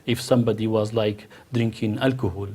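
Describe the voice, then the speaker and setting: A man's voice: fairly low pitch, steady tone, a little fast, mellow. A middle-aged man from the Kurdish region of Iraq, speaking as a panel guest in a hesitant way, with many restarts and fillers. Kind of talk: panel discussion.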